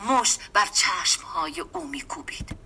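A woman giving a dramatic storybook reading, often dropping into a hushed, half-whispered voice. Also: mid-range voice, animated, a little hiss or hum. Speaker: story reader.

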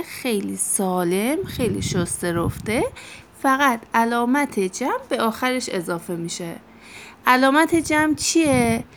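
Woman teacher, mid-pitched, running a grammar lesson. Poses questions and answers them herself, drawn-out stress on examples. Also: creaky, slight background noise.

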